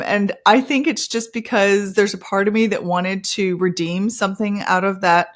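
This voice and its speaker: A woman hosting a podcast, telling personal stories in a chatty way and acting out playful quotes. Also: medium pitch. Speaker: podcast host; mother of several children. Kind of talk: casual podcast monologue.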